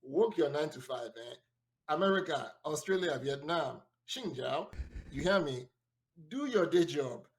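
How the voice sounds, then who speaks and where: A man putting on a loud Nigerian uncle. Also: on the high side, animated, measured pace. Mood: bossy. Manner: loud, bossy, tag questions like "eh?". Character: boisterous Nigerian uncle giving life advice.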